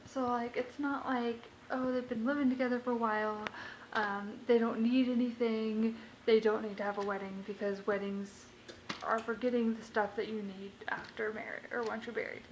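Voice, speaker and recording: A woman's voice: on the high side, steady tone, moderate pace. A young woman talking casually in a rambling vlog monologue from her kitchen at home, full of fillers. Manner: rambling, chatty, many fillers. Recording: noisy home recording.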